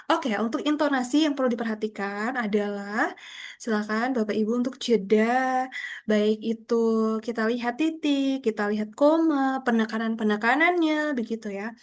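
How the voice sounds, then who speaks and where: A woman's voice: on the high side, moderate pace. A young woman lecturing a public speaking class over a video call, explaining patiently with frequent tag questions. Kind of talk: online class instruction.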